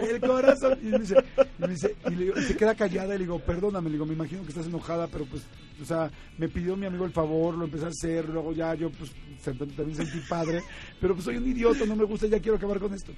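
A man with a Mexican accent telling a story in casual chat, animated, laughing often and acting out quoted voices. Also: high voice, fast, soft background music. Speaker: guest.

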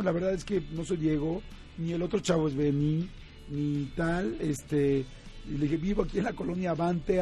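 A man with a Mexican accent telling a story in casual chat, animated, laughing often and acting out quoted voices. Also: high-pitched. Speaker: guest.

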